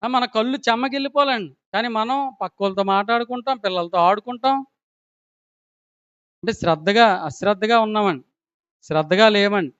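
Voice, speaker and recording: Man, Telugu accent, preaching, very high voice, smooth, dry close mic, muffled sound. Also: brisk, pauses often, fairly bright tone, no echo. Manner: asks the congregation questions, polite repeated "andi". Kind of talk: sermon.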